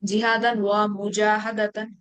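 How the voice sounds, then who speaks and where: Speaking in a smooth, fairly bright mid-range voice at a moderate pace, this woman leads an Arabic grammar lesson with little pitch movement. Her Bangladeshi Bengali accent colors her patient explanations, and she asks her students questions along the way.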